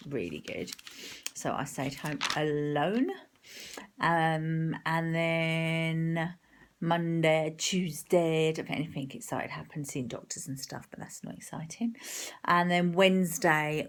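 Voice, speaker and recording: An English woman with a British accent chatting casually in a video diary, rambling and self-deprecating with lots of ums. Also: sits low. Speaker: vlogger.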